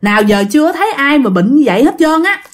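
A woman voicing fearful older village folk in a told ghost story, speaking in a hushed, uneasy way. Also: sits high, sing-song, fast talker, pitched above the performer's own voice.

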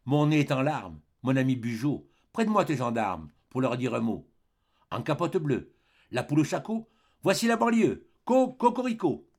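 Man doing a cheeky street urchin, shrill. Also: expressive, fast, gravelly, few pauses, slightly rough, heavily acted. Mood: mocking. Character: cheeky street boy singing a mocking song.

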